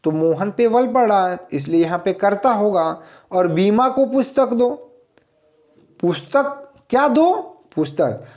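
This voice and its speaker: A man's voice: high-pitched, darkish tone. A man teaching a grammar lesson for exam students, explaining step by step and asking and answering his own questions.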